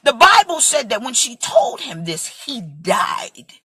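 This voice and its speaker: A woman's voice: fairly high pitch, wildly swooping pitch, measured pace, a bit bright, breathy edge, no echo. A woman in her forties from Brooklyn, preaching in an impassioned, emphatic way and acting out voices in a vlog sermon. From Brooklyn, USA. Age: 40s.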